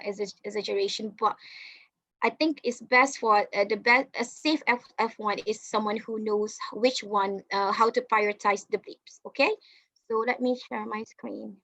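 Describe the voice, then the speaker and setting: Young woman doctor giving a halting webinar talk. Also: medium pitch, creaky, fairly bright tone. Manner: halting, many fillers and restarts. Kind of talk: informal webinar presentation. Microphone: computer mic on a video call. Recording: slightly dull lo-fi webinar audio.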